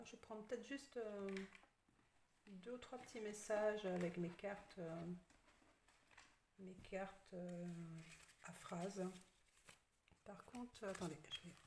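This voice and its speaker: A woman giving a casual tarot card reading, hesitant with many fillers and soft half-whispered asides. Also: on the low side, slight background noise. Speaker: tarot reader.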